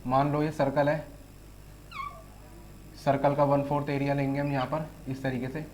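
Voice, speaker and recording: Speaking at a moderate pace with a flat, medium-pitched, darkish voice, this shorthand teacher walks through each stroke patiently in an online board lesson. He repeats "theek hai" frequently, and there's a slight hiss or hum.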